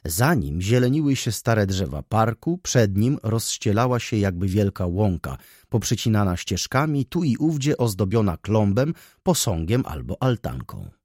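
A man's voice: on the low side, normal speed, hardly any pauses, husky, no room sound, studio quality. A man narrating a classic novel as an audiobook, telling it expressively. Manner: expressive storytelling with voiced characters.

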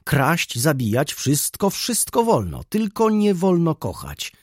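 Man playing an anxious old mother in an audiobook, lamenting and husky. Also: fairly high pitch, wildly swooping pitch, slow, a little mellow, no room sound, clean studio sound, pitched above the performer's own voice, full character voice. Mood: fretful. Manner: fretful, lamenting. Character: anxious, pious elderly mother.

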